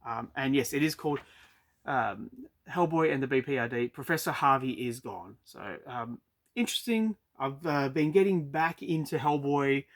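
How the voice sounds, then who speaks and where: A man's voice: mid-range voice, normal speed. An Australian man chatting casually about his weekly comic purchases, with frequent ums and uhs. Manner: hesitant, many ums and uhs. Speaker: comic book collector vlogger. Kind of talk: casual review chat. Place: storage unit.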